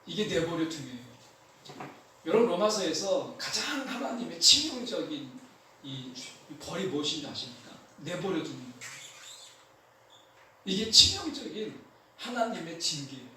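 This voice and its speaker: A man preaching a sermon as pastor, animated and repeating his key phrases. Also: on the high side, moderate pace, long pauses, slight background noise. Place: church sanctuary. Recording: echoey church hall, mic from far off.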